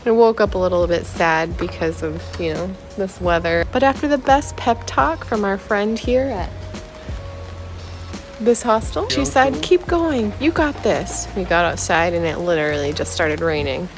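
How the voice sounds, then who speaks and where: A woman's voice: fairly low pitch, normal speed, over music. A woman in her thirties chatting casually to a phone held at arm's length as a travel vlogger. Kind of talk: casual chat to camera.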